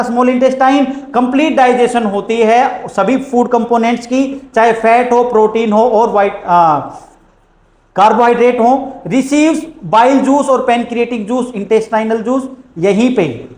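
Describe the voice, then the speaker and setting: A man with an Indian accent teaching a science class, who asks questions and answers them himself and reads English lines slowly. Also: very high voice, a little mellow. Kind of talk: classroom lecture. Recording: echoey room.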